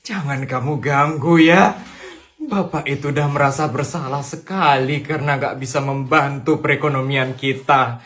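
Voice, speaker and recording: A man voicing a gentle, sickly father who talks softly and wearily to his daughter. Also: medium pitch, steady tone, normal speed. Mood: resigned. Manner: soft, weary and resigned.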